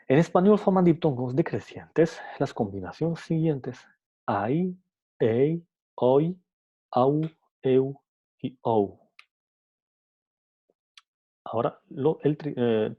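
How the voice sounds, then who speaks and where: A man talks through a phonetics lesson at an unhurried pace, his husky voice rising and falling in a lively way. He hesitates often, restarts his phrases and sounds out example syllables. The recording is dull and lo-fi. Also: medium pitch. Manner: hesitant, many fillers and restarts. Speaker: teacher.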